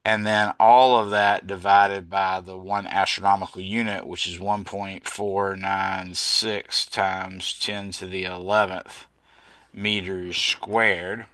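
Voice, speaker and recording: A tired man teaching physics, working through gravity problems aloud step by step, reading numbers slowly and correcting himself as he goes. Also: low voice, flat delivery, fairly bright tone, no room sound. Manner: slow, methodical, reads out numbers step by step, self-correcting. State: tired, yawning.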